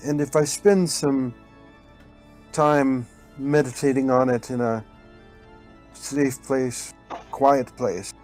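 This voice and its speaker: A man playing a tabletop game, talking casually in a tentative, measured way with music behind. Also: medium pitch, steady tone, a little mellow.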